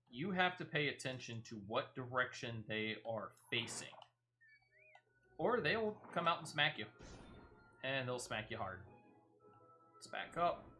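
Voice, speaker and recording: A game streamer talks through his own play step by step, casually explaining each move and passing tips to viewers. His mid-range voice is bright and forceful.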